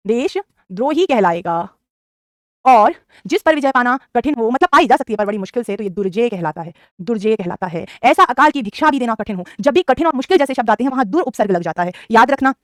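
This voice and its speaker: Hindi teacher lady talking super fast to her online class, asks then repeats answers, calls kids beta, dead dry mic. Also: a little high, lively intonation, dry recording. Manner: drills answers by asking and repeating them.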